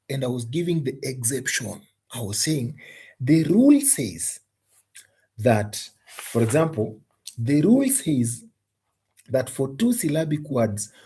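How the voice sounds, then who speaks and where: A man's voice: medium pitch, warm tone, breathy edge. A man with a Kenyan English accent teaching an exam-prep English lesson, emphatic and often repeating words.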